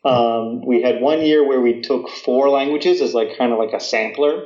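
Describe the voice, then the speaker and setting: An American man in his thirties, appearing as a guest, chats casually in a mid-range, slightly mellow voice at a moderate pace. The audio is dull with a roomy sound. His speech is full of fillers, restarts and "you know."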